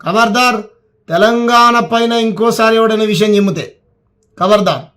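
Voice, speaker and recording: A man's voice: high-pitched, moderate pace, fairly bright tone. A man speaking Telugu with a Telangana accent, giving a heated political rant that scolds and repeats words for emphasis. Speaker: political commentator.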